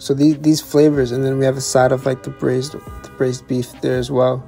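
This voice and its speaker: A young man, a chef and vlogger, casually talking through a restaurant tasting menu with excited repetition and restarts. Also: mid-range voice, moderate pace, vocal fry, soft background music. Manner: enthusiastic, repeats words, restarts.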